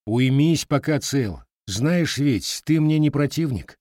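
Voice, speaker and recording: A man's voice: mid-range voice, expressive, slow, darkish tone, no room sound, studio quality, voice pushed up. A man voicing a firm, mocking young Cossack hunter in an audiobook. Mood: wry.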